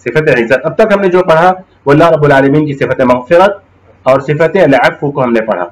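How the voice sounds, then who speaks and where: A man's voice: on the high side, a little fast, rough recording. A male Islamic studies teacher giving a classroom lecture, explaining Arabic terms, checking in with his students and reciting Quranic verses.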